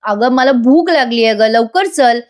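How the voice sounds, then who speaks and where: A woman's voice: fairly high pitch, normal speed, natural voice. Impatient hungry husband, teasing, read by a woman.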